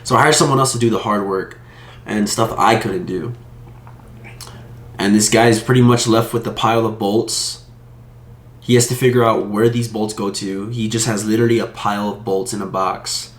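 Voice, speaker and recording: A man's voice: fairly low pitch, fairly even intonation, normal speed. Angry man venting, echoey room. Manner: heated, aggrieved storytelling. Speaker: vlogger. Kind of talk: casual storytelling to camera.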